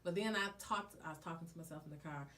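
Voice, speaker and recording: A woman's voice: sits low, fast talker. Chatty woman podcast co-host. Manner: chatty, animated storytelling with slang. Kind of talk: casual chat.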